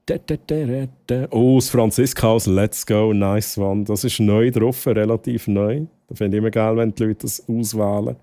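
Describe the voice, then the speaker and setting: A young Swiss man streaming live in casual chat with a Swiss German accent, excitable and prone to loud outbursts. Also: normal speed, hardly any pauses, no room sound. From Switzerland. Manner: excitable, bursts into loud high exclamations and laughter.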